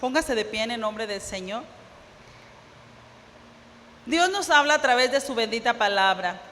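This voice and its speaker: Bright, high-voiced woman preaching. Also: animated, measured pace, big-room sound, a little hiss or hum. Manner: storytelling, acts out parable dialogue, rhetorical questions to congregation. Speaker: pastor. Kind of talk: sermon. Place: church sanctuary.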